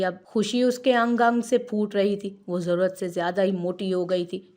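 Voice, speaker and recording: A woman narrating a romance novel aloud in a steady, measured read. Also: lowish voice.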